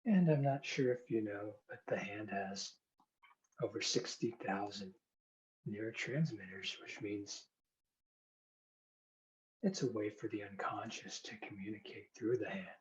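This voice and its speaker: A man with a fairly low voice works as a hypnotherapist. He gives gentle, soothing guidance in an unhurried way, as in a hypnosis session. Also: lo-fi sound. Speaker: hypnotherapist demonstrating a hand induction. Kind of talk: guided hypnosis and explanatory talk.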